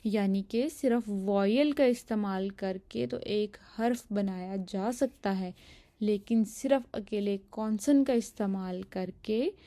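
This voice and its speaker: A woman's voice: mid-range voice, dark tone. A woman teaching a language lesson, explaining pronunciation patiently and step by step.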